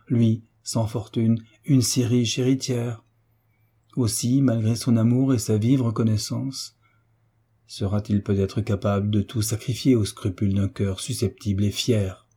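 A man reading the part of an older hunchbacked marquis who speaks in a measured, sorrowful way in a storybook reading. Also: lowish voice, warm tone, husky. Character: kindly older hunchbacked marquis, grave and protective.

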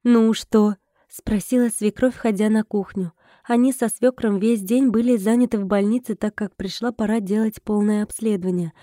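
A woman reads a romance audiobook in the first person, steady and measured. Her voice is mellow and warm. The recording is dry and close. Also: mid-range voice, no echo. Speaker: audiobook narrator.

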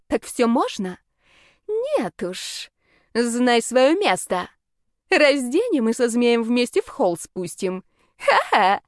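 A woman's voice: a little high, dry recording, studio quality. A woman voicing an arrogant young noble girl who bullies and threatens. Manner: haughty, mocking.

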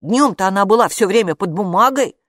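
Brief: woman reading as a dour, clever boy in a storybook, flat and sure of himself. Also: mid-range voice, brisk, dry recording, studio quality, close to an everyday voice. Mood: glum. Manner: glum, matter-of-fact. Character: calm, gloomy know-it-all boy. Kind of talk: audiobook character voice.

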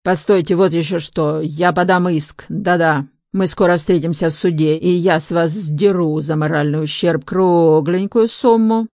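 A woman voicing a loud, indignant middle-aged man who rants and threatens to sue. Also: on the low side, measured pace, no room sound, clean studio sound, lightly acted. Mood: indignant yelling. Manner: blustering, shouting, threatening.

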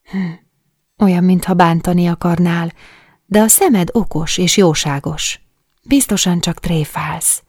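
A woman voicing a gentle, wise little boy who talks softly and patiently, in an audiobook. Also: lowish voice, no echo, studio quality, close to an everyday voice. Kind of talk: audiobook character voice.

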